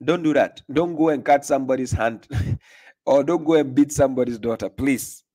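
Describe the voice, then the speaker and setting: A man's voice: medium pitch, normal speed, warm tone. A man hosting a live call-in religious debate stream, pressing his caller with repeated questions. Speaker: livestream host. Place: small room indoors.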